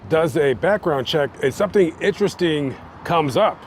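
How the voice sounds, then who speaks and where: A man's voice: a little high, expressive, normal speed, a little hiss or hum. Man telling a true-crime story casually. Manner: conversational, many fillers, addresses viewers. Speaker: true-crime channel host. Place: on location outside a house.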